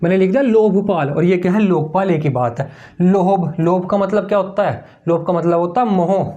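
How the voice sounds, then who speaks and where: A man's voice: high voice, mellow. Guy doing exam mnemonic tricks, keeps asking and answering himself, writes on a board as he goes. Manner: repeats each answer as a question-and-answer drill, calls students "bhaiya"; talks while writing on a board. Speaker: exam coaching teacher.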